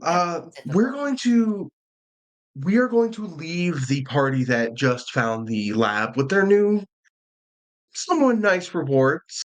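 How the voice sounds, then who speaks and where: A man running a tabletop game as dungeon master, chatty and quick, laughing often. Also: fairly high pitch, lively intonation, low-quality recording.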